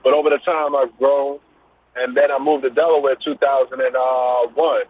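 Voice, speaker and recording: The delivery is flat and the speed normal, with a breathy edge to this medium-pitched male voice. He's a middle-aged business owner from Brooklyn with a New York accent, a guest in a casual interview over a phone-like line, easygoing and loose with fillers while talking about his background.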